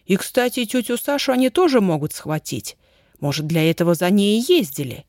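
A woman voicing a bold, boastful teenage boy who talks eagerly and excitedly. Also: medium pitch, a little fast, no room sound, studio quality, lightly acted. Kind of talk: audiobook character reading.

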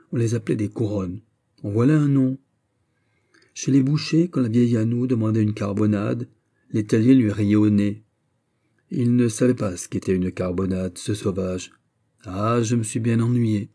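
A man reading a classic novel aloud as an audiobook, expressive and lifting his voice on exclamations. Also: on the low side, husky. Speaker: narrator.

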